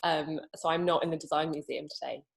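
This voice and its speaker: A woman's voice: low-pitched, steady tone, brisk, gravelly. A woman speaking casually as a learning specialist and guest on an online panel. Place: small cabin studio, on a video call.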